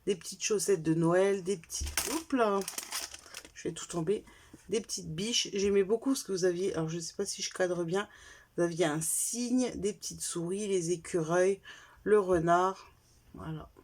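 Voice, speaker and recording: Speaking at normal speed in a slightly mellow voice on the low side, a woman with a French accent shows off her craft purchases in a casual haul video. She's chatty, lists each item one by one, and corrects herself along the way. There is slight background noise.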